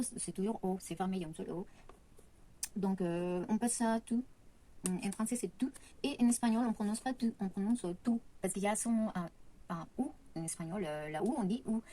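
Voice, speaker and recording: A woman's voice: mid-range voice, dark tone. Hesitant woman. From Latin America. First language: Spanish. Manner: hesitant, many fillers and self-corrections. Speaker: language teacher. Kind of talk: casual online lesson.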